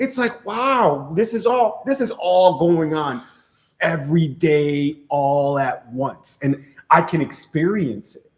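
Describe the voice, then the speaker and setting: Higher-voiced man in casual, animated chat. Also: slow pace. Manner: animated, repeats phrases for emphasis. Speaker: podcast guest. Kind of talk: casual chat, recounting an experience.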